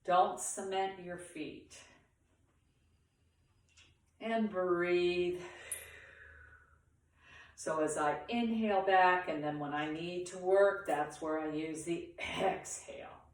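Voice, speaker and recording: Slow, low-voiced woman in an echoey room. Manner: talks through movements in short, pausing instructional phrases. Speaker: tai chi instructor. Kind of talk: guided movement lesson for beginners. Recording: very echoey room, far from the mic.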